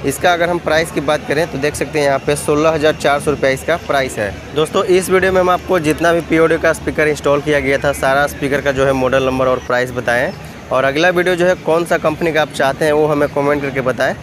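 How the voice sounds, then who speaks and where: Man, a bit high-pitched, steady repetitive vlogger delivery, noisy hall, phone recording. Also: fast. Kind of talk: walkthrough vlog listing prices. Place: busy indoor trade expo hall.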